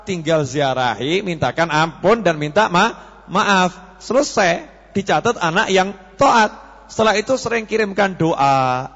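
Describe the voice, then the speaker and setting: Man preaching in a reverberant hall. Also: on the high side. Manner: chatty, teasing questions to the audience. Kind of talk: sermon. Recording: long reverb, dull lo-fi sound.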